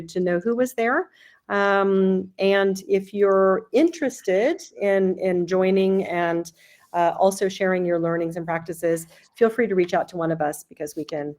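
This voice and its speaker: A woman's voice: medium pitch, a little mellow. A woman opens an online user group meeting. She speaks casually and invitingly, with plenty of ums and uhs. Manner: friendly, welcoming, with fillers. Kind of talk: casual webinar hosting.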